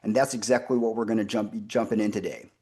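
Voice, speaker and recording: A man's voice: lowish voice, steady tone, quick pace, darkish tone. Upbeat male podcast host. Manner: upbeat, enthusiastic with fillers. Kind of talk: conversational interview.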